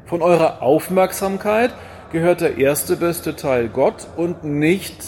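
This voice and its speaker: A man preaching a sermon in a lively, rhetorical manner, with wry asides and repeated refrains. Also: on the high side, takes it slowly, slight background noise.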